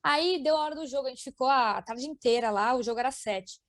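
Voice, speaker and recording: A young woman with a São Paulo accent, a podcast guest telling lively fan stories full of slang and acted-out quotes. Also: high-pitched, quick pace, no echo, clean studio sound. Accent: São Paulo Portuguese. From São Paulo, Brazil. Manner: animated, acts out quoted voices, lots of slang fillers. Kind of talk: casual storytelling chat.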